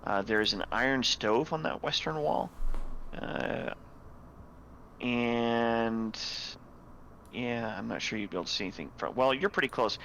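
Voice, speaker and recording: A man's voice: medium pitch, a little slow, gravelly, pauses often, fairly bright tone, slight background noise, low-quality recording. Laid-back young man running the game. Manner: laid-back, hesitant with many fillers and chuckles. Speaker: dungeon master. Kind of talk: narrating a tabletop game.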